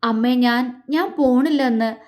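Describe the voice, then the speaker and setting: A woman's voice: fairly high pitch, measured pace, a little mellow, natural voice. A woman reading a story aloud, voicing a frightened young woman who hesitates and stammers. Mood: hesitant.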